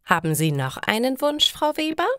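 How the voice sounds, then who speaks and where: A woman's voice: on the high side, very animated, moderate pace, fairly bright tone, smooth, no room sound, studio quality, pitched above the performer's own voice. A woman voicing a polite young woman taking pizza orders, speaking in an accommodating way. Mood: apologetic.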